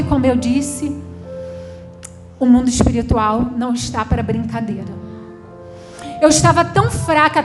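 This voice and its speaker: Fervent Brazilian woman over music. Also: sits high. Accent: Brazilian Portuguese. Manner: fervent, dramatic, repeats phrases for emphasis. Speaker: pastor giving a testimony. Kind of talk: emotional personal testimony. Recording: music playing underneath.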